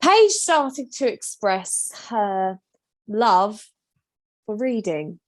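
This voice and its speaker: A woman's voice: mid-range voice, sing-song, very slow, no echo. A woman co-hosting a podcast in casual chat, making dry, wry remarks. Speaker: podcast co-host.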